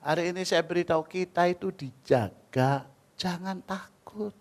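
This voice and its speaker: A man preaching a sermon with an Indonesian accent, telling stories animatedly, jumping from shouted peaks to soft asides. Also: high-pitched, normal speed. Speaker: pastor. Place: church hall.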